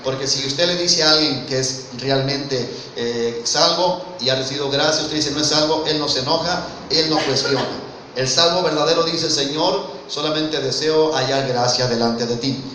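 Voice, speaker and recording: A male preacher with a Mexican Spanish accent delivers an earnest sermon in a church hall, keeps calling listeners brother and asks rhetorical questions. His voice is brightish and fairly high at a moderate pace. He's recorded from afar, with heavy echo and faint noise.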